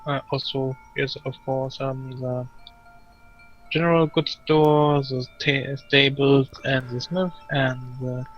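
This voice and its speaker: A man chatting while playing a game, hesitant and pausing on many fillers as he lists things. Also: mid-range voice, flat delivery, dull audio, faint music behind. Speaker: co-player. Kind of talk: casual chat while gaming.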